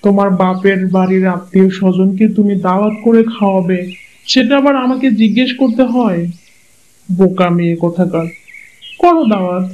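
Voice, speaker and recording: For a cartoon moral story, a man voices a doting, easygoing village husband who indulges and teases his wife with affection, sounding eager and agreeable. His natural voice sits high and moves briskly. The recording is dull and lo-fi, with clear noise.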